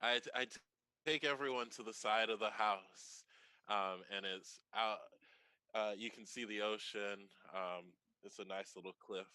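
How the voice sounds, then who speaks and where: A man describing a scene casually as a tabletop game player, pausing as he invents details. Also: on the low side, fairly even intonation, sharp tone, clear, resonant tone, no echo.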